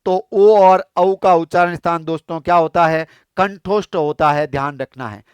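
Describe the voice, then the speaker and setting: A man's voice: on the high side, normal speed, clear, resonant tone, no room sound. A man from India teaching a Sanskrit lesson for exam preparation. He explains step by step, asks questions and answers them himself, and keeps calling his listeners "friends". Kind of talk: exam-prep classroom lesson.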